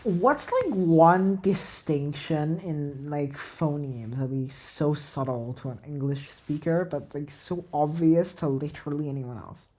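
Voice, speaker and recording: There's a warm tone to this woman's low-pitched voice, which moves a little slowly with few pauses. She's a language creator whose first language is Cantonese, planning an invented language out loud at her computer while screen-recording, rambling and full of fillers and self-questioning.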